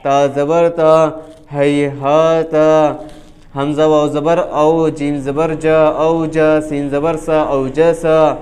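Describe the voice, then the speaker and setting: A male teacher drilling reading sounds. He spells each syllable out and then runs them together, in a fairly high voice that barely rises or falls. His tone stays firm and instructive. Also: level tone, darkish tone. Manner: spells letters syllable by syllable, then reads them in a flowing run.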